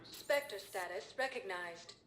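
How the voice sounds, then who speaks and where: A woman voicing a calm, automated female elevator computer that announces arrivals in a level, polite way. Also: mid-range voice, slow. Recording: echoey game audio with background noise.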